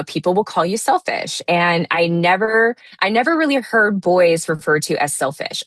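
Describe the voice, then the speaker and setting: A woman in her thirties with a low voice talks through her answers as an interview guest. She is reflective and often restarts her sentences with fillers. The sound is dry and close. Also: no room sound. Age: 30s. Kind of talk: casual interview talk.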